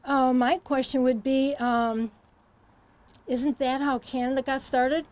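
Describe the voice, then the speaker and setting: A woman with a high voice speaks haltingly as a studio guest. She pauses often and fills gaps with ums. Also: fairly even intonation, darkish tone. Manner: hesitant, halting, many ums. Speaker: talk show guest. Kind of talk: studio interview answers.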